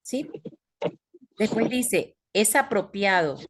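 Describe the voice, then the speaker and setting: A woman's voice: medium pitch, lively intonation, takes it slowly, husky. Patient woman teacher explaining step by step. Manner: patient, explains step by step, asks the class questions. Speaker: English teacher. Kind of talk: online class teaching.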